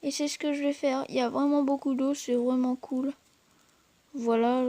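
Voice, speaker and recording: Brief: high-pitched woman host, casual gameplay commentary, hesitant and filler-heavy, talks straight to viewers. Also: fairly even intonation, moderate pace, warm tone, dry recording. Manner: hesitant, full of fillers and restarts; chatty, addresses viewers directly. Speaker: gaming channel host.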